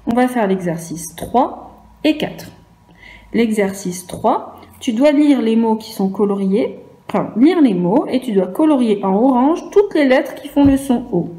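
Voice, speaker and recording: Slow, patient teacher in an echoey room. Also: female voice, on the high side, animated, dark tone. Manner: slow, patient, spelling out letters one by one. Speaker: primary school teacher. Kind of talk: remote phonics lesson for young children. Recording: echoey room with faint noise.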